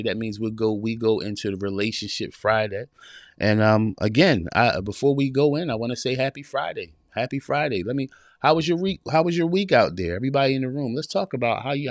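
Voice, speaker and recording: The voice belongs to a man in his forties, medium-pitched, recorded at studio quality with no echo. Hosting a live podcast stream from a small room in his home, he greets viewers and repeats phrases in a preacher-style rhythm.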